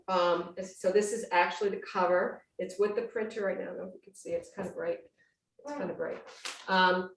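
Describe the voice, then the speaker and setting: A woman hosting an online cooking class, talking in a casual, chatty, exclamatory way over a video call. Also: medium pitch. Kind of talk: casual livestreamed cooking demonstration chat. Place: indoors at home, on a video call. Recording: roomy, distant-mic video-call sound.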